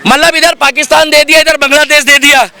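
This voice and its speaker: A man giving his opinion in a heated street debate, forceful and argumentative, talking over others. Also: very high voice, flat delivery, fast. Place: busy city street outdoors.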